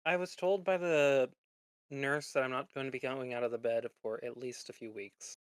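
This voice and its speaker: A man voicing a young woman student recovering in a hospital bed, speaking calmly and chattily. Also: mid-range voice, moderate pace, clear, resonant tone, no room sound, close to an everyday voice.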